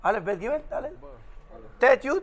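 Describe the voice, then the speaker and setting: High-voiced animated rabbi storyteller. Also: male voice. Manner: lively storyteller, switching voices for characters, jokey. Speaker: rabbi giving a lecture. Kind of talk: animated sermon with acted-out stories.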